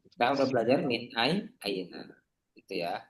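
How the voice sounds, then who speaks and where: Teacher voice, patient relaxed explainer, steady mid pitch, casual tutoring tone. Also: normal speed. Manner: explains patiently, mixing Arabic drill words into relaxed talk. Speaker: Arabic teacher.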